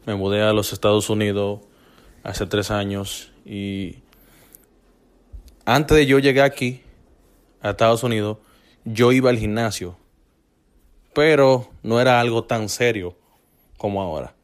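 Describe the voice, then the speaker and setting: A man from the Dominican Republic hosts a casual motivational fitness podcast, speaking loosely, restarting phrases, repeating himself and mixing in English fillers. His voice is lowish, clear and resonant, with fairly even intonation, an unhurried pace and frequent pauses.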